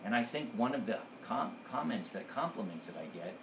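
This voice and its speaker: A man, a comedian guest, chatting in an interview and telling unhurried stories, sometimes acting out what others said. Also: lowish voice, lively intonation. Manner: unhurried storyteller who acts out quotes. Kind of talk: casual interview chat. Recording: echoey room with background noise.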